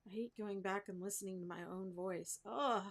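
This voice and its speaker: At normal speed, with a medium-pitched, steady voice, a crochet livestream host makes casual, rambling conversation with viewers as she works. She thinks aloud in a self-deprecating, informal way.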